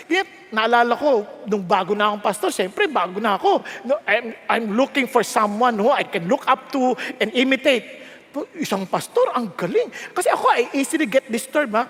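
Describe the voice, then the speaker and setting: Animated Filipino pastor in a hall. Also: male voice, extremely high pitch. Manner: animated, self-mocking, switches between shouting and hushed asides. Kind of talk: sermon. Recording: reverberant hall.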